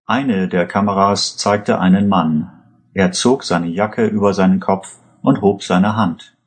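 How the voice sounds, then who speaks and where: A male narrator reads a story aloud in a deep voice. His pace is slow and even, and each sentence is measured out carefully. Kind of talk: read audiobook narration.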